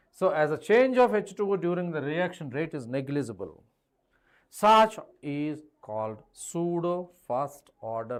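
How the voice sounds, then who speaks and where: A man with an Indian accent lecturing in a live online class, emphatic and repeating key phrases, mixing English with Hindi. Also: a little high. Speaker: chemistry teacher.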